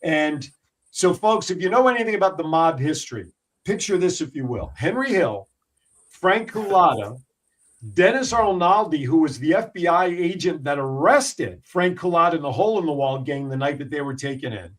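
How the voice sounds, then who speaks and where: A man's voice: a little high, moderate pace, distant mic, rough recording. A man hosting a radio talk show, telling stories with lots of fillers and restarts. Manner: animated storyteller, many fillers and restarts. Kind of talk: casual radio talk and storytelling.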